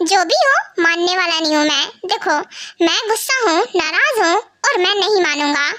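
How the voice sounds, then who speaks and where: Girl doing a grumpy young husband for a fan dub, squeaky high and bright, scolds a lot. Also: animated, moderate pace, no room sound, exaggerated voice. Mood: irritated. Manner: huffy, scolding, brusque. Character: cocky, sulking young husband.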